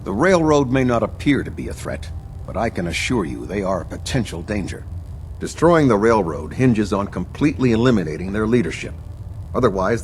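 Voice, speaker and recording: A man plays a coolly ruthless military captain from a video game, with a deep voice. He briefs formally and with grave authority, over a faint hum. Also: lightly acted. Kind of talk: scripted video game dialogue.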